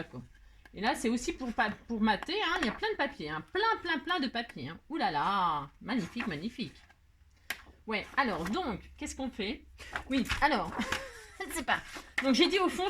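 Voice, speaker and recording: Lively chatty Frenchwoman crafting. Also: a little high, noisy background. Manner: chatty, scatterbrained, laughs at herself; sings playfully while working. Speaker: craft tutorial host. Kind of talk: casual craft tutorial.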